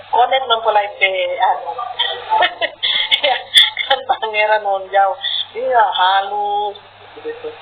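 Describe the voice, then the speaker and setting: A woman's voice: medium pitch, a little hiss or hum. Woman preacher on a tinny live stream. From Sulawesi, Indonesia. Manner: chatty, laughs often, addresses listeners directly. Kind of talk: live-streamed sermon talk.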